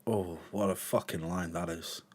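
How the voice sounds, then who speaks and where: A man's voice: low-pitched, steady tone, normal speed. A man hosting a reaction video, talking casually and emotionally, sighing, swearing and searching for words.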